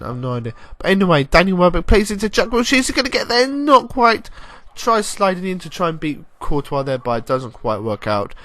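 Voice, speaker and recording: Chatty young gaming commentator. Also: male voice, fairly high pitch. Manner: chatty, rambling, excitable bursts, mild swearing. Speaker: gaming YouTuber. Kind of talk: casual game commentary.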